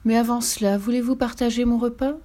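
A woman voicing a courteous, calm male panda in a storybook, speaking gently and unhurried. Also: fairly high pitch, pitched above the performer's own voice, close to an everyday voice.

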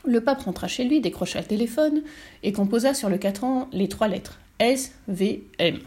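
A woman's voice: fairly high pitch, expressive, brisk, warm tone. Woman reading a storybook aloud.

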